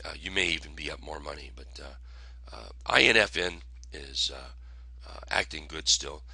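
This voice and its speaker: A hoarse man hosting a casual stock-trading commentary, talking haltingly with many fillers. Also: very deep voice, sharp tone, no echo. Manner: halting, filler-heavy delivery. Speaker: host.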